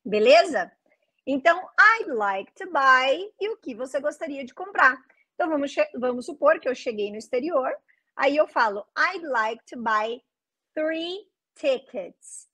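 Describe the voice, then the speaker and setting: A woman teaching English pronunciation online, slowly repeating English phrases and then explaining them in to her viewers. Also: high voice, expressive, fairly bright tone. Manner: addresses viewers directly with "gente" and "né".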